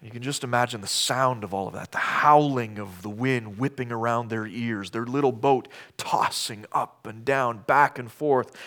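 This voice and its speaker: A middle-aged male pastor preaching a sermon, shifting between hushed storytelling and loud, impassioned outbursts. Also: medium pitch.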